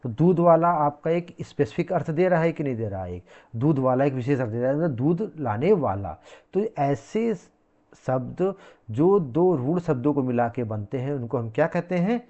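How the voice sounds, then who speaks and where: A man's voice: a little high, animated, moderate pace, dark tone, lo-fi sound. A man giving a classroom lecture, repeating key words and asking the class questions he then answers himself. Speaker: teacher.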